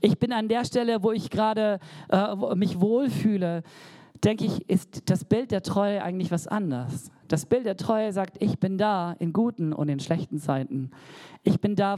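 A woman's voice: medium pitch, warm tone, dry recording. A woman preaching a sermon in an earnest, emphatic way, stressing repeated phrases. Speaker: pastor.

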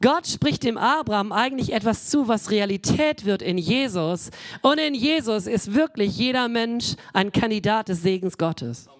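A woman's voice: fairly high pitch, lively intonation, moderate pace, no room sound. A woman in her forties preaching a sermon, talking directly to the congregation with fillers and self-corrections. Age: 40s. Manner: conversational, addresses the congregation directly.

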